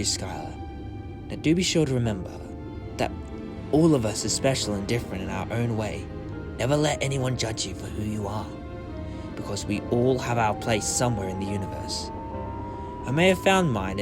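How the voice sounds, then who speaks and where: A man's voice: mid-range voice, lively intonation, normal speed, over music, lightly acted. A man playing an earnest, kindly alien traveller hero who instructs others in a fan audio drama. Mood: gentle, reassuring.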